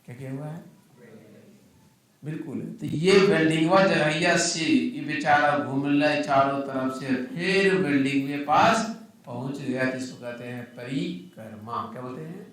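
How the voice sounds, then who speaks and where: A man's voice: fairly high pitch, unhurried, a bit bright. A man teaching maths in a classroom lecture, who keeps asking the class questions and answering them himself. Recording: echoey room, mic at a distance.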